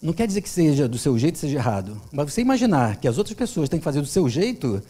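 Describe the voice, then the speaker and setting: A man's voice: on the high side, fast talker, husky. A Brazilian man, a therapist, giving a lecture, telling client stories and acting out their voices. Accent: Brazilian Portuguese. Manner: animated, acts out clients' voices. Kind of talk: lecture with storytelling.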